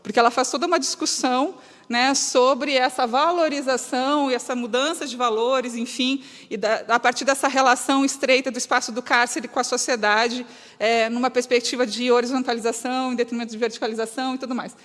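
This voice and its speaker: A guest speaker from Rio Grande do Sul, Brazil, with a southern gaúcho accent, gives a live talk to an audience in a reverberant hall with long echo. Her voice is notably high, a bit bright, steady in tone and a little fast. Earnest and emphatic, she lectures semi-spontaneously, often breaking off, restarting phrases and restating her points.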